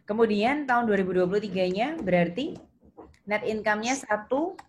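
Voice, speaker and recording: An expressive female accounting lecturer at medium pitch and moderate pace explains an online lesson step by step. Along the way she questions students and repeats their answers; the recording is noisy, with keyboard typing and clicks.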